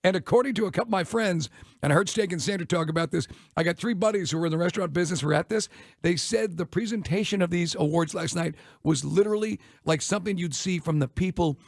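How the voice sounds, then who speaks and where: An American man hosting a radio show in casual, chatty, opinionated talk with an animated manner. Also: sits high, quick pace, gravelly, no room sound, clean studio sound. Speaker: sports radio host. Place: radio studio. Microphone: close broadcast microphone.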